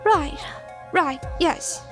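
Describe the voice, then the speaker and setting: A very high, airy-voiced posh unicorn mare, as a woman plays her, prim and dramatic with refined theatrical diction. Game music plays clearly behind her. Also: drawn-out words. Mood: refined worry. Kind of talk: fan voice acting of a game.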